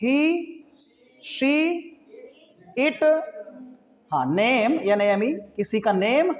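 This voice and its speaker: High-voiced man teaching in echoey room. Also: expressive. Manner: patient, repeats words slowly for drilling. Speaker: spoken English teacher. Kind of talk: classroom lesson with board work. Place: classroom with a board.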